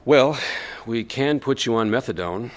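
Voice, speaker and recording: An actor playing a calm, firm addiction counselor in a radio drama, measured and instructive. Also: male voice, mid-range voice, close to an everyday voice. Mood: firm, concerned.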